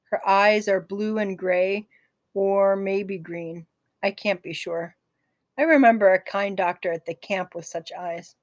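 A woman narrating a novel in the first person, calm, gentle and reflective. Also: mid-range voice, measured pace, no echo, dull audio. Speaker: audiobook narrator.

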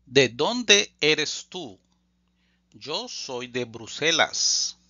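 A man teaching a language lesson, reading phrases slowly and deliberately and repeating them for learners. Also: on the high side, sing-song, pushed and bright, dry recording, dull audio. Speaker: Spanish teacher. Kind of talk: slow scripted language lesson.

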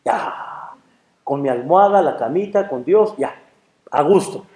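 A man's voice: fairly high pitch, lively intonation, measured pace, dark tone. A man voicing a complaining, frightened ordinary husband who turns whiny and indignant. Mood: drowsy content. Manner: whiny, indignant, rising pleas. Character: grumbling everyday husband, fussy and frightened. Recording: roomy echo.

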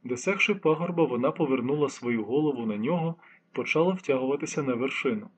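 Husky-voiced male audiobook narrator. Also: medium pitch, expressive, quick pace. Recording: dull lo-fi recording.

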